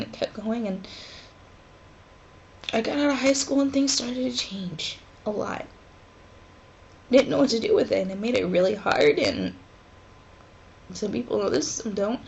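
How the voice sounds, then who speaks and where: A woman in her twenties talking haltingly and emotionally in a personal vlog from her dorm room, with pauses and sighs. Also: mid-range voice, creaky, darkish tone, muffled recording. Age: 20s. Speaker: vlogger.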